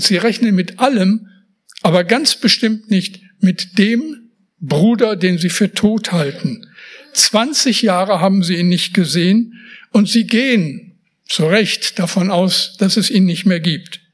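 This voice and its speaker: A man preaching a sermon, emphatic and speaking straight to his listeners with casual asides. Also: high voice.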